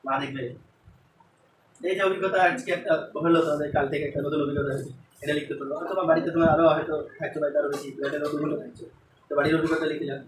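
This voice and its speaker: Brief: male classroom tutor, slightly high voice, recorded from afar in a roomy classroom. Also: steady tone, very fast, recorded from a distance, slight background noise. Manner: explains line by line, quizzes the class. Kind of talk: classroom English lesson.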